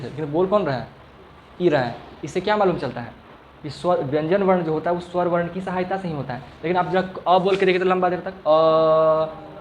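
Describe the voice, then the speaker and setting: A man teaches grammar to a classroom in a high voice with a darkish tone. Over and over he poses the same question, lengthening sounds to demonstrate them and checking regularly that students understand. Slight background noise is present.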